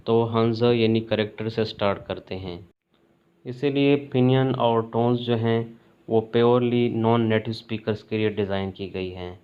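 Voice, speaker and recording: A man teaching a language lesson in a calm, measured way, clearly spelling out each sound. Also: medium pitch, dull audio. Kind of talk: slow explanatory lesson.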